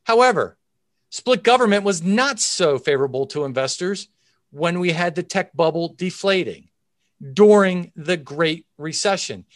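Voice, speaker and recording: Male expert guest, fairly high voice, methodical and emphatic explainer, close dry sound. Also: lively intonation, a little slow, dry recording. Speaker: chief investment officer, interview guest. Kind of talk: expert market commentary in interview.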